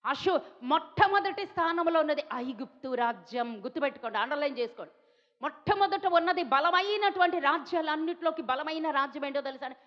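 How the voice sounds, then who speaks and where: A woman's voice: sits high, lively intonation, a little fast. A woman from India preaching a sermon, talking emphatically and repeating questions to her listeners. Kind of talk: Telugu sermon. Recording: dull sound in a reverberant hall.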